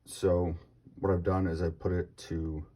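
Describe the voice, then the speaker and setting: A man in his forties casually narrating a hands-on demonstration in a hesitant, halting way. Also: sits low, little pitch movement, mellow. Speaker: vlogger.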